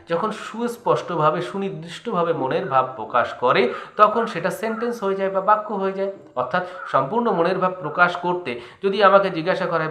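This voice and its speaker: Bengali-accented young male teacher, crisp and bright, asks and answers his own questions, echoey room. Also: fairly high pitch. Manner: asks the students questions and answers them himself. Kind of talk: grammar lesson.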